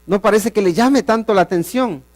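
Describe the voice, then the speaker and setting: Spanish-speaking man preaching, somewhat high voice. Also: normal speed. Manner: explains Bible passages with rhetorical questions, swings loud and soft. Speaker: pastor. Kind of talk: sermon.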